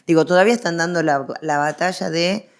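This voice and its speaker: Speaking fairly quickly in a lowish voice, a middle-aged woman with a Rioplatense Argentine accent explains topics as an expert interview guest. The exchange is conversational, and she is emphatic and prone to digressions.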